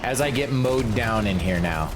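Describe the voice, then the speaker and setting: A man's voice: lowish voice, expressive, moderate pace. A man streaming a shooter game, talking through it in exasperated, grumbling asides. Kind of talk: gameplay commentary. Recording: loud game music and gunfire behind.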